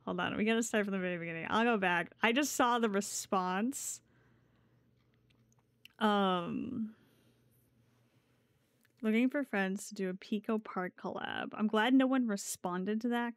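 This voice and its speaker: A woman's voice: mid-range voice, unhurried, long pauses, no room sound. A woman streaming casually as a VTuber, talking in a playful, giggly gamer-girl way with swearing, close on the mic. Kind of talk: casual live stream chat.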